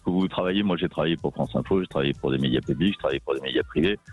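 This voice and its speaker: A man's voice: rumbling low, very fast, a little mellow, slightly rough, dull audio. A man who works as a documentary journalist, speaking as a guest in a radio debate in a studio, hesitant and full of restarts. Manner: hesitant, many restarts and fillers.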